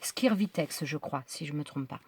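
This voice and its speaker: A woman's voice: low voice, animated, normal speed, breathy edge. A woman with a French accent chatting casually while unboxing crafts, hesitant with many fillers and restarts. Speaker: crafting vlogger.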